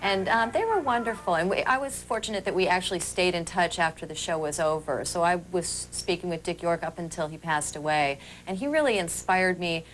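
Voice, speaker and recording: Earnest woman recalling co-stars, low voice. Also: lively intonation, fairly quick, hardly any pauses, a bit bright, faint music behind, poor audio. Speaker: interviewee, former child actress. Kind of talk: casual interview.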